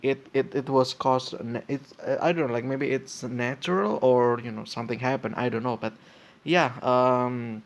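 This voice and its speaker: A man's voice: mid-range voice, fairly even intonation, moderate pace. A man in his twenties hosting a casual solo podcast, reading from a page and reacting as he goes, with lots of fillers and restarts. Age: 20s. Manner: hesitant, full of fillers and restarts, thinking aloud. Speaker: podcast host.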